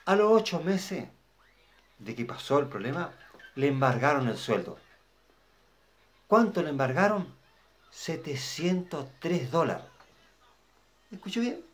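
A man hosting his own channel, telling a personal story to the camera in a rambling, repetitive way. His voice sits a little high for a man. He keeps checking that the viewer follows. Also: sing-song, unhurried, long pauses. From Argentina. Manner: rambling, repeats himself, asks viewers if they follow. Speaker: channel host.

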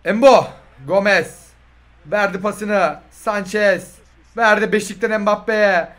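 A high-voiced young man with a bright, sharp tone calls out a football video game match with excitement. He teases his opponent, laughs, and shouts out passes and shots as they happen. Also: slow. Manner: teasing, shouting play-by-play, laughing. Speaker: gaming YouTuber. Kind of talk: excited gameplay commentary.

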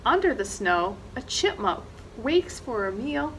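Reading a children's picture book during storytime, a middle-aged librarian sits in the indoor reading corner of a library. Her slightly high voice is very animated and a little slow, with dramatic emphasis on action words. The recording is low-quality, with slight background noise.

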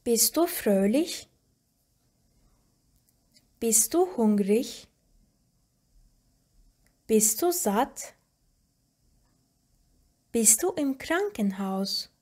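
A woman reading short example sentences one by one for a language lesson, slowly and deliberately with pauses. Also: a little high, expressive, darkish tone. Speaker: language teacher.

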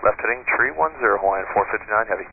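A man's voice: fairly low pitch, animated, rapid-fire, gravelly. A man, an airline pilot, making terse radio calls to air traffic control over his cockpit headset, with hesitant fillers between standard phrases. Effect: pilot's headset radio transmission. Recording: tinny radio link with faint hiss.

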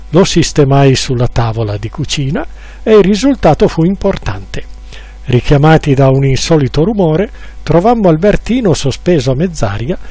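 A man's voice: mid-range voice, darkish tone, dry recording. Man reading a comic story, dry sound. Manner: dry ironic storytelling with acted quotes. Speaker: narrator reading a humorous story. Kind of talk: scripted literary narration.

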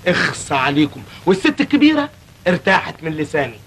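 A put-upon young clerk in a classic film comedy, talking in a high, quick Egyptian voice. He rattles off comic patter and then turns preachy, scolding everyone around him. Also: big pitch swings, fairly bright tone, a little hiss or hum, poor audio. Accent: Egyptian Arabic.

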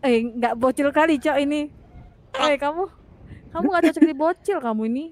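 A woman roleplaying in a game, teasing and bossing the others. Her voice sits high. Casual, joking banter throughout. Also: brisk.

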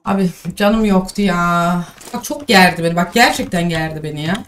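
A young woman streams a mobile shooter game, commenting live with exasperated, scolding remarks. Her voice is fairly low, a bit bright and moderately paced, picked up by a distant mic amid game noise.

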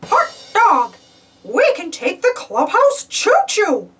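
A woman's voice: extremely high pitch, wildly swooping pitch, slow, a bit bright, distant mic, faint music behind, exaggerated voice. A woman voicing a small, eager, cheerful male cartoon mouse for a children's storybook, upbeat and exclamatory. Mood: excited.

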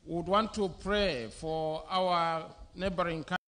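Slow-speaking bishop at a podium. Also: male voice, a little high, steady tone, a bit bright. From Zambia. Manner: slow, measured delivery in short phrases. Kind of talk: sermon. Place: outdoor covered church venue. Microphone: podium microphone.

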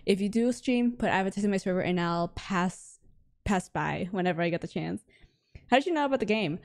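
A woman streaming a game live, chatting casually with her viewers in a bubbly, talkative way, her voice a little raspy and hoarse from getting sick. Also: mid-range voice, expressive, fairly quick. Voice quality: slightly raspy. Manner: bubbly and chatty, with frequent laughs and gasps. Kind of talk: casual live-stream chat, reading chat aloud.

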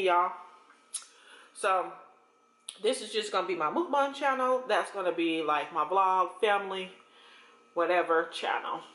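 A woman's voice: fairly low pitch, bright, forceful tone. A young American woman hosting a casual eating show, chewing while she talks in broken phrases. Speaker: mukbang host and vlogger. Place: home kitchen, indoors. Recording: roomy kitchen echo. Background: cutlery and dish clinks.

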